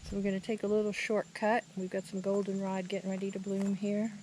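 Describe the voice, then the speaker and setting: A woman giving a casual, unhurried, plainspoken tour of a garden. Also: mid-range voice, completely flat delivery, a little mellow. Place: outdoors in a garden. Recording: noisy outdoor recording with insect sounds. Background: crickets and insects.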